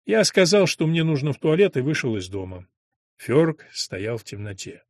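A man's voice: sing-song, moderate pace, dry recording, studio quality. A man narrating a story in the first person, lifting his voice a little for the characters' lines. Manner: reads character lines with small shifts in pitch and loudness. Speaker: audiobook narrator. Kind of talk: scripted narration.

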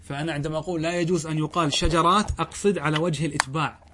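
A man teaching a classical Arabic grammar lesson, explaining step by step and answering his own questions, slowing down to spell out word forms. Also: fairly high pitch, fairly even intonation, a bit bright, a little hiss or hum.

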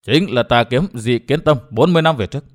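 Male reader doing calm serious young sect boss, low quiet voice, very controlled. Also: fairly quick, lightly acted. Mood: grave.

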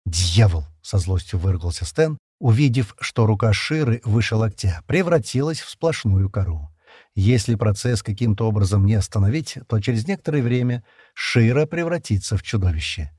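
A man reads an audiobook in a measured storytelling manner, his pitch moving lively through the lines. The voice is dark and husky. The recording is close and dry. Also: dry recording. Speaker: audiobook narrator. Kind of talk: scripted narration.

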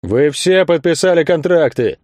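A man's voice: fairly high pitch, sing-song, normal speed, darkish tone, no room sound, studio quality. A man voicing a greedy, scheming circus owner who blusters indignantly.

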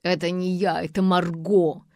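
A woman doing a scared young man, pleading, defensive, low voice, dry close sound, audiobook. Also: level tone, unhurried, darkish tone, no echo. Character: frightened young man, a cornered deserter.

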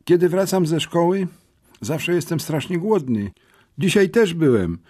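A man voicing an excitable, squeaky young schoolboy who talks eagerly and rambles. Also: a little slow, no echo, clean studio sound. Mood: dreamy. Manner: high-pitched, eager, rambling.

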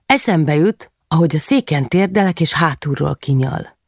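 A woman narrating a first-person novel as an audiobook, in an understated, intimate reading that sometimes drops soft. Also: low-pitched, animated, breathy edge, no echo, clean studio sound.

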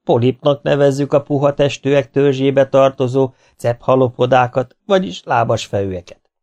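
A man's voice: mid-range voice, darkish tone, dull audio, voice pushed up, lightly acted. A man voicing a pedantic young male veterinary student lecturing.

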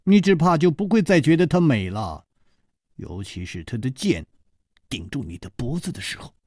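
A man voicing a sharp-tongued, jealous young woman in a storytelling broadcast, teasing and needling. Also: medium pitch, sing-song, moderate pace, dry recording, studio quality.

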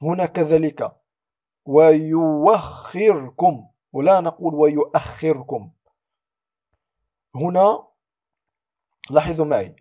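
A man teaching the rules of Quran recitation to students. He sounds out each example slowly and then contrasts it with the wrong reading. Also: on the high side, mellow. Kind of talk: explaining tajweed rules to students.

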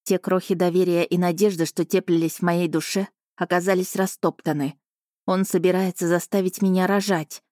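A woman's voice: on the low side, flat delivery, moderate pace, mellow, no echo, studio quality. Woman narrating a first-person audiobook. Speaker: audiobook reader.

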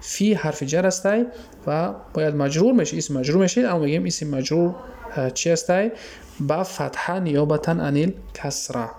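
Mellow-voiced Tajik man teaching grammar. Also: on the high side, gravelly. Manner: keeps checking understanding with quick questions; hesitant, many filler sounds. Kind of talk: classroom lesson explanation.

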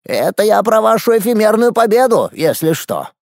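A man voicing a grumpy, sharp-tongued old grandfather mage in an audiobook, with a mocking, scolding drawl. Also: high voice, sing-song, normal speed, creaky, no room sound, studio quality, pitched above the performer's own voice, heavily acted.

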